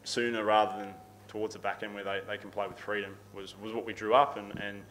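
Australian man, low flat voice, press conference table mic, faint hiss. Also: fast talker, poor audio. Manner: steady, repeats words while thinking, fillers. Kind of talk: post-match press answers. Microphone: table microphone.

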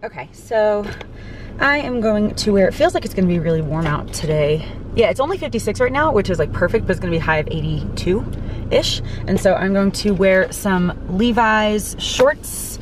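With an animated, medium-pitched voice at a moderate pace, a young woman talks casually to the dash camera in her parked car. She rambles and explains each step, and there's noise in the background.

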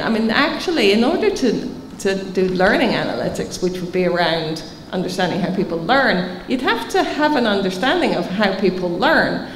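A woman's voice: medium pitch, a little hiss or hum. Woman, 50s, panel speaker, emphatic and explanatory; table mic, echoey conference hall. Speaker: keynote speaker answering questions. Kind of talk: conference Q&A answers. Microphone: table microphone. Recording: reverberant hall, faint ambience.

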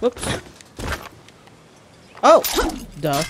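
A woman giving casual gameplay commentary, exclaiming and thinking out loud as she plays. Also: drawn-out words, a little hiss or hum. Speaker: gamer, let's player.

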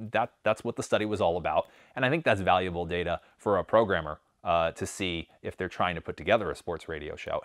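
A man's voice: low voice, no room sound, studio quality. A man from the Northeastern United States with a slight Northeast accent, giving a conversational academic presentation with frequent fillers. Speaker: communication professor presenting research.

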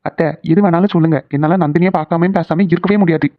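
A man's voice: a little high, steady tone, very fast, natural voice. A man voicing a pleading young cartoon nephew, tinny sound. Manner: pleading, coaxing. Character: young man pleading with his aunt, earnest. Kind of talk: cartoon voice acting.

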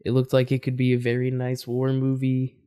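A man at an ordinary, mid-range pitch chats through his reactions as a video host. He talks in a loose, rambling way, with fillers and restarts. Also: completely flat delivery, a little fast, dark tone, smooth. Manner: rambling, chatty, with fillers and self-corrections. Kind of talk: casual reaction commentary.

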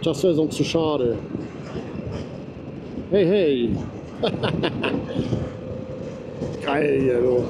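A man's voice: a little high, extremely slow, long pauses, very noisy. A man giving a casual, enthusiastic running commentary to viewers while riding a motorcycle on a mountain road, talking through a helmet mic. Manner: chatty, enthusiastic, talks to himself and viewers. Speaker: motorcycle vlogger.

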